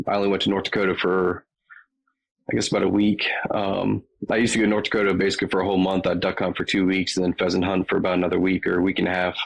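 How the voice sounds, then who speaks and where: A man's voice: deep voice, gravelly, low-quality recording. A man with a Southern US accent, a podcast guest chatting casually and rambling with many ums. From Virginia. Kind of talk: casual chat.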